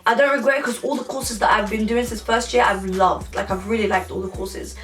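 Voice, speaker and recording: A woman's voice: mid-range voice, a little fast, a bit bright, far from the mic. A woman, chatting casually through a Q&A for her vlog, rambling with many restarts. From England. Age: 20s. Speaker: YouTuber. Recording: echoey room, voice a bit off-mic, music behind.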